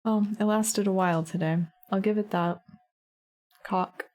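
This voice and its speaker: Slow-talking excitable young woman streamer. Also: mid-range voice. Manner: excitable, laughs often, swears playfully. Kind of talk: casual game-stream commentary.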